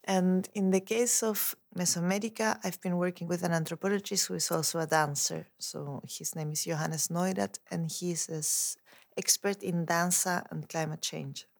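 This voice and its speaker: Gravelly-voiced woman, lowish pitch. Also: fairly even intonation, moderate pace. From Chile. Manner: thoughtful, searching for words. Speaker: dance artist. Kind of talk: reflective interview monologue.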